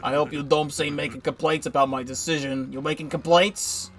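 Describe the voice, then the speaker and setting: A man voicing a gruff, menacing mob boss from a video game in a lowered, quietly threatening voice. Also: fairly even intonation, faint music behind, lightly acted. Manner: low, slow, quietly threatening.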